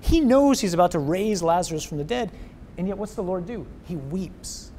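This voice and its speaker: Earnest priest with a mellow, warm voice. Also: male voice, sits high, normal speed, a little hiss or hum. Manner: earnest, animated, repeats words as he thinks. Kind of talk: conversational faith discussion. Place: indoors before a wall of memorial crosses.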